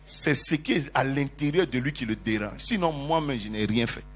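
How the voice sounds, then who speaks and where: At a moderate pace and medium pitch, a man with a husky voice preaches as bishop. He asks the congregation to answer amen, teases them with jokes, and swells into loud prophetic declarations in an animated call-and-response style.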